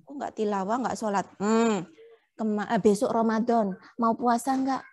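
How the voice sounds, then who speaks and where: A woman's voice: a little high, fairly even intonation, moderate pace, a crowd in the background. A young woman teacher, playfully quizzing a puppet and the children in a lesson. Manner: playful, coaxing, asks children questions.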